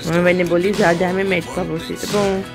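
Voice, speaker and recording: A woman's voice: lowish voice, flat delivery, fairly quick, gravelly. Young mom vlogging at home on her phone, cooing baby talk and chatting, laughs a lot, faint music behind. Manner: affectionate baby talk mixed with chatty asides to viewers; laughs often while talking. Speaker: mother vlogging her baby's month birthday. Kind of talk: casual home vlog. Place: bedroom at home.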